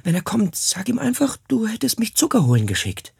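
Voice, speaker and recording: A man's voice: high-pitched, wildly swooping pitch, a little fast, gravelly, a little mellow, breathy edge, dry recording, studio quality, pitched above the performer's own voice, exaggerated voice. A man doing a small boy begging his mother. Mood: pleading. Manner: anxious, begging. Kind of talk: audiobook character voice.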